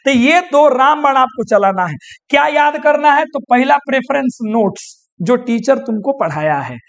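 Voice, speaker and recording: A man's voice: very high voice, lively intonation, normal speed, fairly bright tone. A male teacher with a Bihari Hindi accent giving students motivational exam advice in a folksy, exhorting way, mixing in dialect and English words.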